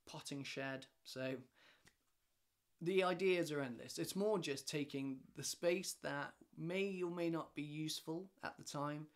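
A man's voice: on the high side, measured pace. A man in his thirties from the UK, a lighting design company director, chatting casually on camera from a living room with lots of restarts and fillers. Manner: chatty, rambling with many restarts and fillers, gestures a lot. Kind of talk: casual talking-head explainer. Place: home living room with shelves and a stove. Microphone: camera in front, head and shoulders framing.

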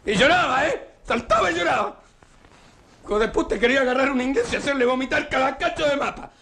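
An actor playing a bitter, disillusioned working-class husband with a Rioplatense Argentine accent, talking with sarcasm and scorn. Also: male voice, extremely high pitch, quick pace, sharp tone, heavily acted. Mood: mocking. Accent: Rioplatense Argentine Spanish. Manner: sarcastic, scornful, repeats words. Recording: 1980s film soundtrack, faint hiss.

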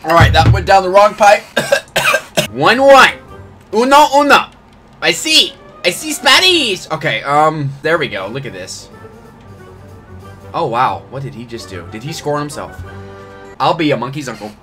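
A man's voice: mid-range voice, normal speed, pauses often, over music. A man hosting his gaming channel, giving jokey live commentary on his own match and yelping at every bad play. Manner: excitable, jokey, groans and yelps at plays.

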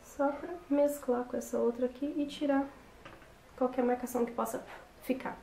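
A young woman, hoarse from a cold, chatting casually through a makeup tutorial. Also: high-pitched, fairly even intonation, normal speed, dark tone. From Brazil. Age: young adult. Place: small bedroom, indoors. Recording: roomy echo with background noise.

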